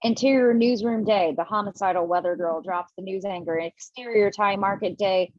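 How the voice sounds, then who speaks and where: Over a video call, a woman reads stage directions for an amateur table read, chatty and casual, slipping in asides and correcting herself. Her mid-pitched voice has a darkish tone and a moderate pace, and the audio is dry, dull, lo-fi, and echo-free.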